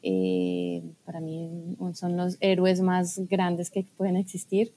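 A woman from Colombia, a guest talking through her story in a thoughtful, hesitant way with pauses. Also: on the low side, warm tone, slight background noise. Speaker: guest, food scientist and blogger. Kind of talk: casual podcast conversation.

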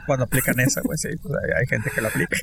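A man with a Mexican accent, chatting casually as a podcast co-host, slangy and animated, laughing often. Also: medium pitch, racing, vocal fry, noisy background. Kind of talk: casual chat.

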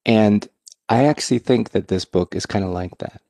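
A man, a co-author hosting the talk, speaking in a relaxed way with many fillers. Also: lowish voice, moderate pace, creaky, no echo. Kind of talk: casual conversation.

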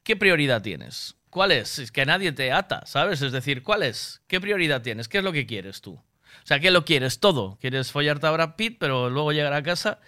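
A man's voice: on the high side, very animated, normal speed, sharp tone. A man co-hosting a casual radio chat, blunt and crude, pressing his points with repeated questions. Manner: blunt, crude, emphatic, keeps adding "¿sabes?".

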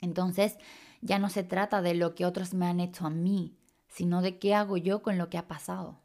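A woman's voice: on the low side, flat delivery, moderate pace, a little mellow. A young woman, a life coach talking loosely through a reflective podcast monologue. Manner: casual, loose, full of "o sea" and "como" fillers.

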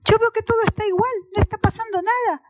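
Storybook lion king, commanding and loud, played by a woman. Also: very high voice, fairly even intonation, fast, pitched above the performer's own voice. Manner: loud and bossy.

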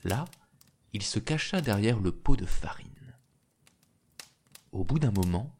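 A man reading a fairy tale aloud in an expressive storytelling manner. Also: fairly low pitch, slight background noise. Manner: slow, expressive, lively.

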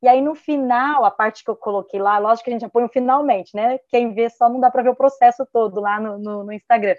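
A woman's voice: fairly high pitch, quick pace, dry recording. Brazilian woman music therapist rambling on a video call, lots of né, restarts, audio a bit muffled and dead dry. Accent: Brazilian Portuguese. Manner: chatty, tags nearly every sentence with a questioning 'né', restarts often; gets lively when retelling a story. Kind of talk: casual online panel conversation.

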